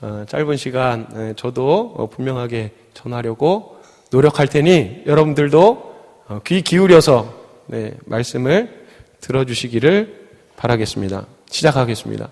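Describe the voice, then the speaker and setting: A man's voice: mid-range voice, animated, moderate pace, a little mellow. A man giving a youth sermon in a church, chatty and full of fillers, telling stories and acting out the quotes. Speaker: youth pastor. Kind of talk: sermon with storytelling. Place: church sanctuary. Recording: long hall reverb.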